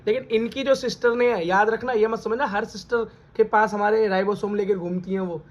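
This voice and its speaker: A man's voice: high-pitched, steady tone, brisk. A man teaching a biology lesson, who calls his students "beta", asks them questions and repeats their answers. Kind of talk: classroom lecture. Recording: dull lo-fi recording.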